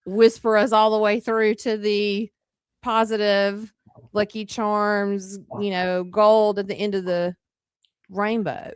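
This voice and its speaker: A woman's voice: mid-range voice, little pitch movement, takes it slowly, clean tone, no room sound, clean studio sound. A woman hosting a casual interview, chatty and peppered with fillers. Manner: chatty, with frequent "like" and "you know" fillers. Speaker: host.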